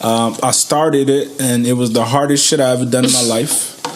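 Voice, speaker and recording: A man hosting a casual podcast interview, playful and quick to laugh. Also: mid-range voice, steady tone, a little hiss or hum. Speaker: podcast host.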